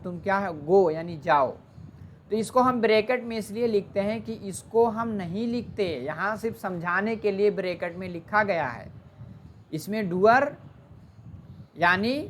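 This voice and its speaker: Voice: medium pitch, a little hiss or hum. Patient teacher quizzing the class. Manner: asks the class questions, then answers them; explains slowly, mixing in English terms. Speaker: Arabic grammar teacher. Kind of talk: online grammar lesson.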